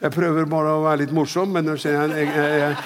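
A man's voice: fairly high pitch, level tone. An older man, a pastor, preaching a sermon in a chatty, joking storytelling way. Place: church hall. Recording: long church hall reverb.

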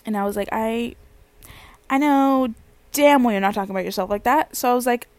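A woman's voice: fairly high pitch, a little fast, a little mellow, dry recording. A young woman hosting a casual solo podcast, with a slightly stuffy nose, telling rambling stories and giggling often. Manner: chatty, giggly, rambling storyteller. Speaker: podcast host.

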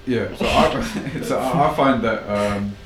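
A young man chatting in a group discussion, halting as he thinks aloud. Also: medium pitch. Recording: echoey room with clear background noise.

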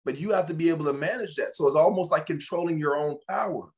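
A man's voice: on the high side, fast. A man in a casual podcast conversation, speaking animatedly, often restarting and repeating phrases as he gives advice.

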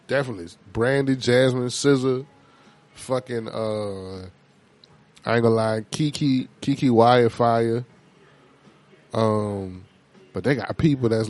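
A man's voice: fairly low pitch, darkish tone. An American man debating music casually, speaking emphatically with slangy, profane talk and repeating himself for emphasis.

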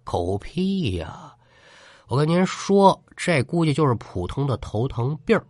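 A man's voice: on the high side, big pitch swings, a little slow, darkish tone, no echo, studio quality. A man doing a brash, mocking young man. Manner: defiant, taunting.

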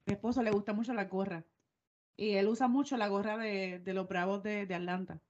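A Puerto Rican woman talks in casual podcast chat, spinning stories with plenty of asides. Her voice sits at an ordinary middle pitch. The recording sounds a bit dull and muffled. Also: fairly even intonation, fairly quick, darkish tone, slight background noise. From Puerto Rico. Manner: chatty, storytelling, full of asides. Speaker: podcast co-host.

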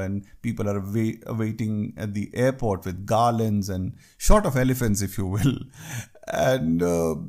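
A man from India with an Indian English accent gives a talk on workplace culture, walking through office etiquette conversationally with wry asides. His voice is lowish and a little mellow.

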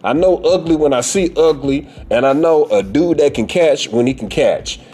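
A man's voice: fairly high pitch, moderate pace, dark tone. A man giving blunt, profane casual commentary and lecturing his listeners.

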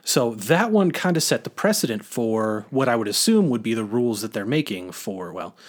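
A man's voice: medium pitch, sing-song, normal speed. A man co-hosting a podcast, chatting casually about a film, rambling with many fillers and restarts. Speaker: podcast co-host.

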